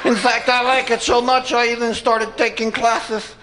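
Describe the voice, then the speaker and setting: A man's voice: very high-pitched, level tone, normal speed. A man voicing a proud, gleeful Mexican comic puppet character with a Mexican accent in a live ventriloquism act. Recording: very noisy live comedy club.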